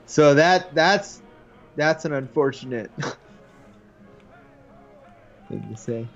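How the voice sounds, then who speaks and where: A man's voice: a little high, lively intonation, slow pace, highs cut off, soft background music. A man co-hosting a casual gameplay show, teasing his partner with dry jokes. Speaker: co-host commenting on gameplay.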